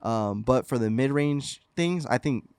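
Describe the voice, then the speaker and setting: A man's voice: mid-range voice, animated, a little slow, darkish tone, clean tone, no room sound. Rambling man in casual podcast chat. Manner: rambling, many fillers and restarts. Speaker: podcast co-host.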